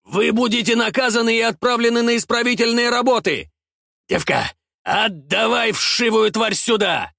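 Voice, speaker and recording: A man voicing a band of brutish mustached male zealots who yell threats and mockery at strangers. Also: very high voice, moderate pace, creaky, no room sound, clean studio sound, pitched above the performer's own voice, exaggerated voice. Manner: yelling, threatening, mocking. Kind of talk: audiobook character voice.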